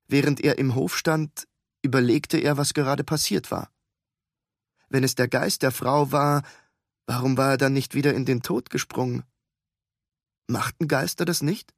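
A man's voice: mid-range voice, no echo. Male audiobook narrator, dry close sound. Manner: calm, measured storytelling. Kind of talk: scripted narration.

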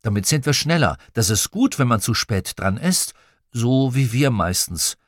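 Expressive male audiobook reader for a kids' story, very lively delivery, dry studio sound. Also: medium pitch, a little slow, no room sound. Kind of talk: children's audiobook narration.

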